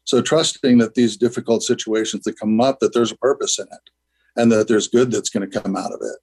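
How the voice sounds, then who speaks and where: An older man with a mid-pitched voice talks as a radio guest. He is earnest and meandering, leaning on "you know" as he explains his faith and ideas. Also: steady tone, fairly quick, a little mellow, husky, rough recording. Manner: earnest, rambling, many "you know" fillers. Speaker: guest, school founder. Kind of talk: radio interview.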